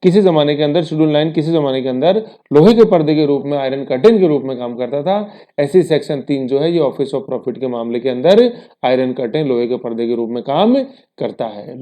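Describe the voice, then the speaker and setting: A man's voice: medium pitch, warm tone. A man teaching an exam-prep lesson in a conversational way, with rhetorical asides to his students and English terms mixed in.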